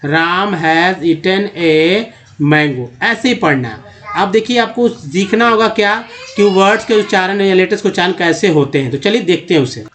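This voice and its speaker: A man teaching how to pronounce English letters, repeating each sound slowly and calling the viewers his friends. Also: high-pitched, animated, a bit bright.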